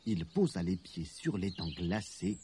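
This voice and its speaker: A man narrating a children's storybook with an expressive, animated reading. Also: sits low, a little slow, noisy background. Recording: background music.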